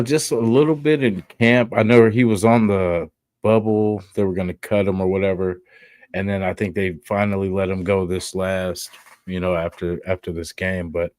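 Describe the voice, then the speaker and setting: Low, dry-sounding podcast co-host. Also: male voice, moderate pace, no echo. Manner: relaxed, hedging talk with frequent "you know what I'm saying". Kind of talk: casual sports podcast chat.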